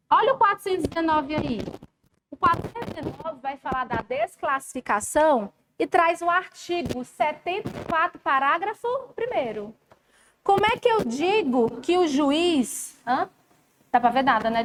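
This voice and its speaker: A woman's voice: high-pitched, a bit bright, slight background noise, low-quality recording. A woman with a Brazilian Portuguese accent, teaching law in a live class, chatty and addressing students directly.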